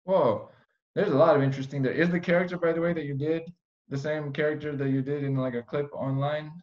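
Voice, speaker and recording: Here the Iranian podcast host sounds a little high and darkish, talking fast with a steady tone. He rambles casually, tossing in playful asides delivered with mock seriousness, over dull, lo-fi audio.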